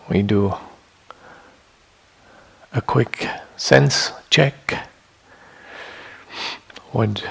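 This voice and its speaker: Guiding a meditation in a meditation hall, this man talks in short, unhurried phrases punctuated by lengthy pauses. His voice is gravelly and husky, pitched in the medium range.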